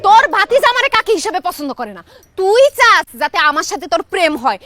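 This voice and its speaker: A woman's voice: very high voice, big pitch swings, fast talker, loud music behind the voice. A woman playing a hot-tempered village aunt. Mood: furious. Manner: shouting, scolding.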